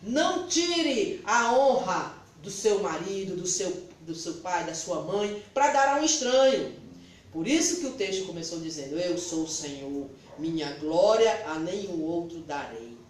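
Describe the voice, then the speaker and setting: Woman pastor, middle-aged, emphatic sermon, very lively pitch, distant mic in a very echoey hall. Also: measured pace. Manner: animated and emphatic, laughing at her own remarks. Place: church hall.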